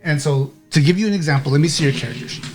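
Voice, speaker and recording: Guy running a tabletop game, kinda high voice, rambly, keeps saying okay. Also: racing, over music. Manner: rambling, with many restarts and "okay?" checks. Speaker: game master.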